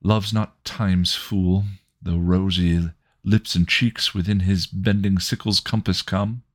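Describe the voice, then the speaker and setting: A man voicing a gentle, romantic male poet who recites verse slowly and lyrically. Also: sits low, steady tone, no room sound, studio quality, pitched above the performer's own voice. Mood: tender. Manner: slow, lilting recitation of verse.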